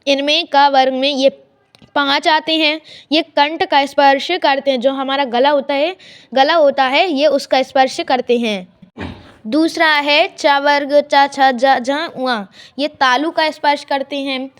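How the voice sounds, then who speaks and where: Female teacher, bright high register, slow step-by-step delivery for a grammar lesson. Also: fairly even intonation. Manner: slow, drawn-out explanations with repeated examples.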